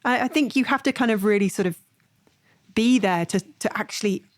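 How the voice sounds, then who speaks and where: A woman from Ireland interviews her guest in a relaxed, engaged way, chiming in with her own experiences. Her voice sits at an ordinary pitch and is recorded close and dry. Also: a little fast, no echo. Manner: engaged, affirming listener. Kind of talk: conversational interview.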